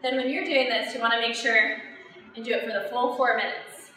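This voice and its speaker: High-voiced woman coaching a workout. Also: steady tone, fairly quick. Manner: instructive, demonstrating while exercising. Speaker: fitness instructor. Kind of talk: workout demonstration. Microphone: camera at a distance. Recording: echoey room from far off, noisy.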